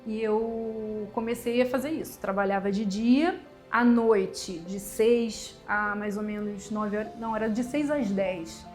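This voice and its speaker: A woman's voice: mid-range voice, fairly even intonation, a little slow, soft background music. A woman, telling her own life story in a heartfelt, conversational way, often checking in with "you know?". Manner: heartfelt storytelling, quotes family, tag questions like "sabe?" and "né?". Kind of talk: personal testimony.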